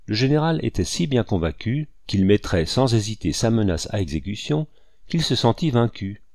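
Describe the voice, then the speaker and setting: A man reading a novel aloud as an audiobook narrator, steady and measured. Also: lowish voice, dry recording, clean studio sound.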